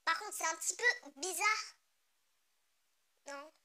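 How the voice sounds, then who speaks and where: A young woman from France reads a manga chapter aloud, tripping over names and coaching herself through them. Her voice sits high and sounds very bright. She swears casually and keeps up excited commentary between lines. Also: takes it slowly. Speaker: manga reader reacting. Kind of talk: reading a manga chapter aloud with live reactions.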